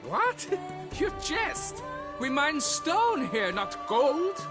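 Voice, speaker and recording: A man doing a squeaky, blustering quarry foreman. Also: very animated, normal speed, over music. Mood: haggling. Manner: flustered, pleading and haggling, old-fashioned oaths. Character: fussy, blustering male quarry foreman, middle-aged. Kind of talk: fan dub of a video game.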